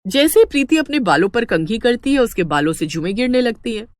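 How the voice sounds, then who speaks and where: A woman's voice: on the high side, brisk, no echo. A woman narrating a cartoon moral story in scripted storybook style. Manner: lively, expressive.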